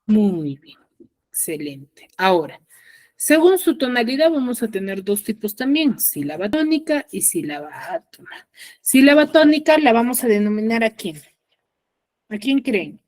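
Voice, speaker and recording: A woman's voice: a little high, big pitch swings, measured pace, a little mellow. A woman teacher with a Peruvian Spanish accent, leading an online class. She is patient, repeats key words and often checks in with her students.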